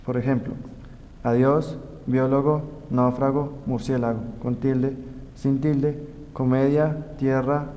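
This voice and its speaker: A young man from Colombia reads out spelling rules and example words one by one, slow and deliberate like a class presentation. His voice carries a lingering reverb with a faint noise underneath. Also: medium pitch, little pitch movement, highs cut off. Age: young adult. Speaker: student presenter. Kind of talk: reading a grammar tutorial.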